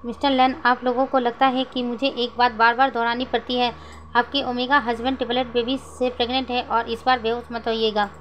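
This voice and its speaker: A calm, wry male doctor, dry and reassuring, as a woman narrator puts him on in a storybook retelling. The delivery is high and flat in melody, with a faint background hiss. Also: brisk, muffled recording, close to an everyday voice.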